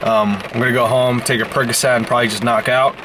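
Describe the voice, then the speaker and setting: A man's voice: medium pitch, little pitch movement, fast talker, background noise. Young man vlogging after wisdom teeth removal. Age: 20s. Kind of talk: casual video diary. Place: parked car, driveway and bedroom. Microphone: handheld camera at arm's length.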